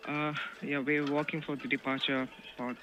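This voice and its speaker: A man's voice: medium pitch, little pitch movement, moderate pace. A man, a ship's officer, calling harbour control over marine VHF radio in formal radio procedure, correcting himself now and then. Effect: marine VHF radio transmission. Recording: noisy marine radio transmission.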